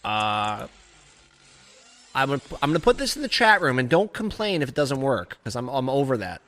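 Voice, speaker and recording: A man's voice: medium pitch, very animated, normal speed, a bit bright. A man co-hosting a live comedy stream, rambling and chuckling as he reads odd news aloud. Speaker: podcast co-host. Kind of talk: casual live-stream chat.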